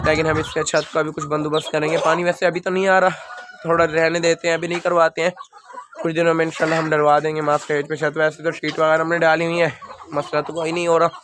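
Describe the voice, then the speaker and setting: Feeding birds in an outdoor rooftop enclosure, a feverish, unwell young vlogger with a Pakistani Urdu accent rambles casually and plainly to viewers. His pitch is fairly high, and the background is noisy with clucking chickens and birds.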